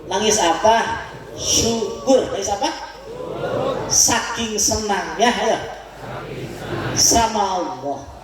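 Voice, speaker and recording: A man with a Sundanese accent preaches to a gathered congregation, unhurried and drawn out, and keeps pulling them into call-and-response with a chuckle. His voice rings through a large hall with a long, booming reverb. He sounds set back from the microphone, with faint ambience underneath. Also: noisy background. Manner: leads the crowd in call-and-response, chuckling often. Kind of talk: religious study sermon to a congregation. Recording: echoey hall, voice from far off.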